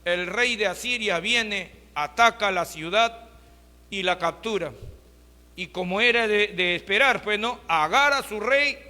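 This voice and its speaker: A man's voice: high-pitched, measured pace, pushed and bright, big-room sound. A pastor delivering a sermon, who keeps asking his listeners rhetorical questions and calls them brothers. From Peru.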